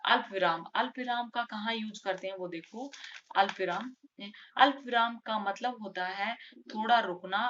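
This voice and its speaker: A woman's voice: mid-range voice, fairly bright tone. Teacherly woman, dull lo-fi audio. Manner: explains each rule again in simpler words; stresses example sentences, saying them slowly. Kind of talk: casual classroom explanation. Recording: dull lo-fi recording.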